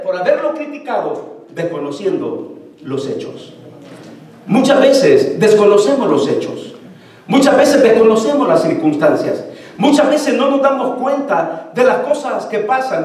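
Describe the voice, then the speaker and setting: A pastor with a very high voice preaches a sermon, urging his congregation on and hammering the same points. He sounds far from the mic in a heavily echoing hall. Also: a little mellow. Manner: repetitive, exhorting, addressing the congregation.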